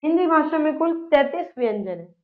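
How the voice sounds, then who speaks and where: A woman teacher giving a grammar lesson, asking her own questions and answering them, often checking in with "okay" and reciting letters slowly and with emphasis. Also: sits high, lively intonation. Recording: dull lo-fi recording.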